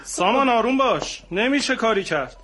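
Stern er doctor, high bright voice, firm. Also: male voice, animated, slight background noise. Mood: calming, firm. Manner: urgent, commanding. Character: commanding male emergency doctor.

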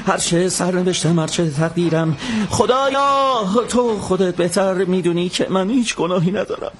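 A man's voice: sits high, slight background noise, close to an everyday voice. An actor playing a timid young man who stammers, pleads and protests in a dubbed drama. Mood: frightened pleading. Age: young adult. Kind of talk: classic Persian dubbing.

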